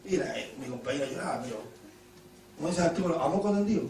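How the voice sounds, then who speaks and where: A Chilean man preaching a Pentecostal sermon, telling stories with laughter and sudden shouted praises. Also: fairly high pitch, expressive, fast, far from the mic. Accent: Chilean Spanish. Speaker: pastor. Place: church hall. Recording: echoey church hall, mic from afar.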